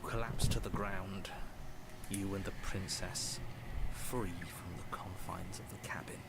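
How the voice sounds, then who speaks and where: Sardonic game narrator. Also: male voice, low-pitched, steady tone, a little slow, vocal fry. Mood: wry. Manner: dry, wordy and theatrical. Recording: noisy game audio.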